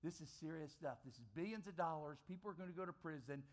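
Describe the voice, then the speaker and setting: A man giving a personal testimony as a chapel speaker, telling his story dramatically and repeating phrases for emphasis, swinging between loud bursts and quiet low lines. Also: fast.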